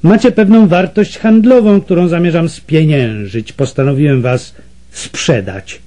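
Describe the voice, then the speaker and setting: A man's voice: on the high side, a little slow, warm tone, pitched above the performer's own voice, natural voice. A man voicing a sneering slave trader villain. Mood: sneering, menacing. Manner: sneering and menacing. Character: scheming, mocking Portuguese male slave trader.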